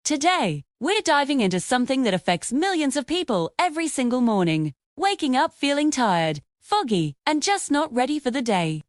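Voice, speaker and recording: Female vlogger-type host for scripted health explainer, animated intonation, very dry recording, direct address. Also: sits high, normal speed, few pauses, dry recording.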